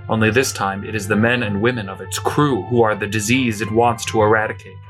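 A man's voice: on the low side, steady tone, a little fast, a bit bright, soft background music, natural voice, rough recording. An actor playing an embattled, despairing male starship commander in a sci-fi audio drama. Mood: bitter, grim.

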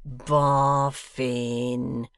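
A narrator voicing a domineering man who calls in a hoarse whisper through a closed door's keyhole. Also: medium pitch, level tone, very slow, no room sound. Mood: gloating. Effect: calling through a closed door. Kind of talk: audiobook narration.

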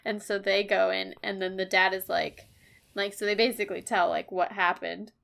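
A woman's voice: medium pitch, level tone, moderate pace, creaky, fairly bright tone. A young woman co-hosting a podcast, casually retelling a story and acting out the characters' lines. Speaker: podcast co-host.

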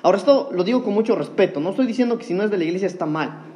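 A man's voice: sits high, expressive, racing, mellow. A man preaching an earnest sermon, addressing the congregation as brothers.

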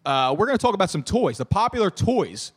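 A man in his thirties with a hoarse, shot voice, hosting a casual show solo in a halting, jokey, self-correcting way. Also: high-pitched, big pitch swings. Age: 30s. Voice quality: hoarse, worn-out voice. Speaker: solo host of a fantasy football show.

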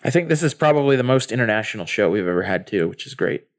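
A man's voice: fairly low pitch, animated, fast talker. Man hosting a podcast. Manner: friendly, leads the talk. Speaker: host.

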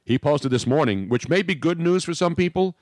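Male sports radio host, brash and joking, lively swings in pitch, dry close studio sound. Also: fairly quick, no room sound. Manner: brash, joking, animated rants. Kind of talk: casual sports radio banter.

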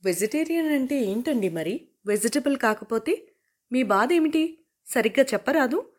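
This is a playful young woman in a storybook who teases her friends in a familiar, bantering way. A woman narrator reads her in her own slightly high voice. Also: lively intonation, normal speed. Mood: teasing. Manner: teasing, familiar.

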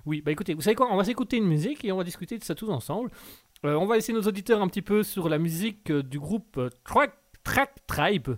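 A man's voice: high voice, expressive, very fast, dry recording. Teasing man hosting a comic radio show. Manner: teasing, playfully bossy. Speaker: radio call-in show host. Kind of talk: comic live radio banter.

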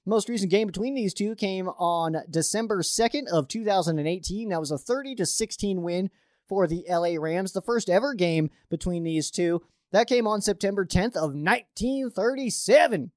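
A man's voice: high-pitched, normal speed, no room sound, studio quality. A man hosting a sports podcast, giving a casual game preview as an open fan, with lots of fillers and restarts. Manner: openly rooting for the team.

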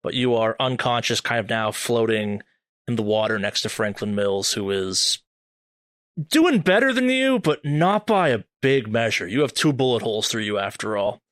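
A man's voice: lowish voice, animated, normal speed, fairly bright tone, no echo, clean studio sound. A man narrating a tabletop horror game as game master, describing scenes casually with fillers.

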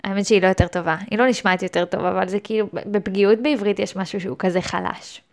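A woman's voice: medium pitch, fairly even intonation, creaky. A woman hosting her own podcast, speaking in a thoughtful, hesitant monologue with frequent restarts. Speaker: podcast host. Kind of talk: reflective solo monologue.

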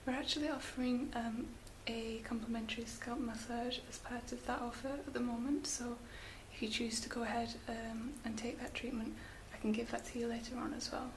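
A woman whispering gently as a spa beauty therapist in an ASMR roleplay, slow and soft with little fillers. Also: a little high, fairly even intonation. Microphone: close sensitive mic. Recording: hissy close mic.

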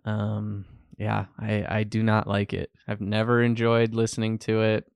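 A man co-hosting a podcast in casual chat, relaxed and agreeable. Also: lowish voice, unhurried, vocal fry, clear, resonant tone, no room sound. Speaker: podcast co-host.

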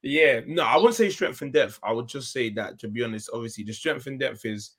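A man with a London roadman accent and a medium-pitched voice talks football casually. He is emphatic, heavy on street slang, and repeats phrases for weight. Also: a little fast, a bit bright, slight background noise. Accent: London, urban street slang. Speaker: football fan panellist. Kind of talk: casual banter and football chat.

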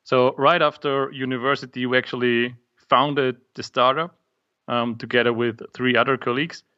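In this casual interview, the guest is a young man who built an app, a native German speaker with an Austrian accent, calling in from his home office. He describes it hesitantly, full of ums, in a steady medium-pitched voice at normal speed. The recording is muffled.

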